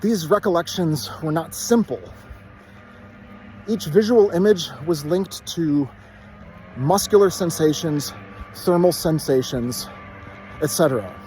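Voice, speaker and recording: Man reciting by rote, higher-pitched voice. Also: warm tone, soft background music. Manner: reciting by rote in short measured phrases. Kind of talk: literary recitation from memory.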